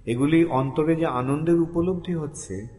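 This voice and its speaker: A man's voice: on the high side, normal speed, mellow. An older man, a monk, gives a devotional sermon, explaining verses by asking questions and answering them himself, sometimes chanting. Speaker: Vaishnava monk giving a seminar. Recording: long hall reverb, faint ambient noise.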